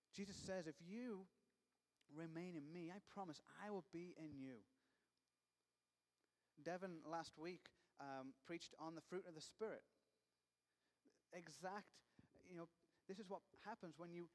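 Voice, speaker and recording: Male preacher, relaxed conversational sermon delivery, reverberant hall sound. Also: fairly high pitch. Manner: conversational, reads with voiced dialogue and asides. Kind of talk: sermon reading scripture aloud. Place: church hall. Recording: long reverb of a church hall.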